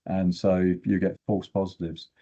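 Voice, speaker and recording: Low-pitched and mellow, this older man speaks unhurriedly with a flat delivery, and the highs are cut off. As a guest expert in exploration geochemistry, he explains technical matters plainly using short, emphatic phrases.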